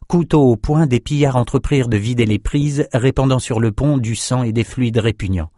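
A man narrating an audiobook in a measured, steady reading style. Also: medium pitch, no room sound, clean studio sound. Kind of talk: scripted narration.

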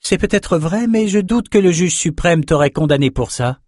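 Male reader doing a blunt commanding sorceress, raised pitch, dry booth sound. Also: lively intonation, normal speed, a little mellow, dry recording. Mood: firm. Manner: blunt, probing. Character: stern commanding woman sorceress. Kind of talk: audiobook character voice.

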